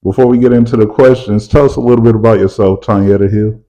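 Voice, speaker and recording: A man hosting a podcast interview, asking casual, relaxed questions. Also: fairly low pitch, fast, highs cut off. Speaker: podcast host.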